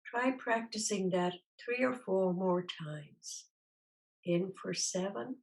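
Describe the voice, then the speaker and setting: A meditation teacher guides a session, giving gentle, soothing instructions at an unhurried pace with long pauses. Her voice is medium in pitch, and the recording is low quality.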